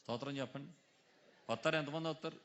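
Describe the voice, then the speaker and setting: A man preaching a sermon, calling on his congregation to answer aloud, dropping low and then rising to loud exhortation. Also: fast talker. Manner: calls on the congregation to answer loudly, swings between hushed and shouted. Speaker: pastor.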